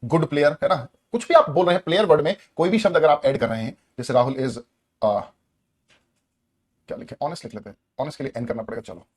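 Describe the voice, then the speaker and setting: A man teaching an online grammar lesson in a Hindi accent, energetic, repeating key words and asking students questions. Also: on the high side, fast talker, slightly rough.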